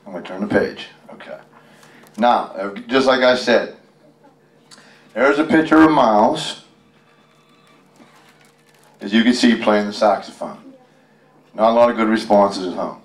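In a library room during a live, casual storytime, a man from Western Pennsylvania in the United States reads a picture book with jokes and folksy asides. His voice is on the low side and a little slow, with long pauses, and the helper-held handheld microphone leaves the audio roomy and distant.

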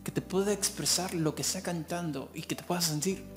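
A man reacting to music on his channel, gushing and excitable, often breaking into laughter as he comments. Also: high voice, fairly quick.

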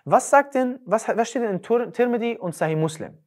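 Woman, religious lecture, emphatic, rhetorical questions, lively swinging pitch. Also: fairly quick.

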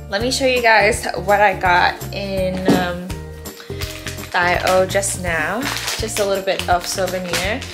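A woman's voice: mid-range voice, roomy sound. A young adult woman chatting casually and upbeat in a vlog, filling her talk with "like" and "um". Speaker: vlogger.

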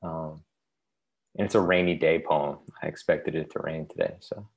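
A very deep, gravelly voice belongs to a man in his thirties giving a poetry reading with casual introductions. He speaks with fairly even intonation at a moderate pace, from his home living room over wired earbuds on a video call.

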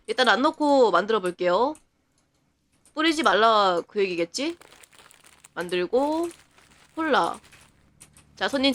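A woman's voice: medium pitch, a bit bright. A woman streamer giving live commentary on a game, chatting to herself and laughing often. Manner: reacts to the game with quick surprised remarks.

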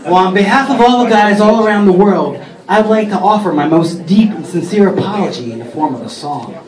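A brash man working a comedy club crowd, his fairly high voice sounding roomy and set back from the mic. Audience laughter rolls behind him. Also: expressive, fairly quick, darkish tone, recorded from a distance. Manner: crude, brash punchlines with sung bits. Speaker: stand-up comedian in Santa costume.

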